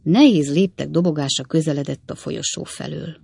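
A woman narrating an audiobook in a calm, even storytelling manner. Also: low-pitched, vocal fry, slightly rough, dry recording.

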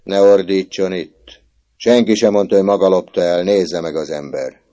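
A man voicing a gruff, stern dormitory prefect who scolds loudly. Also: deep voice, voice pushed up, lightly acted. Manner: scolding, loud and sharp.

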